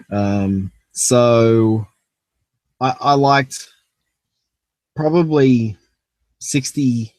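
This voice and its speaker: A man's voice: on the low side, darkish tone, dry recording. Hesitant man, dry close sound. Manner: hesitant, easygoing, restarts often. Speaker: film review podcast co-host. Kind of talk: casual review chat.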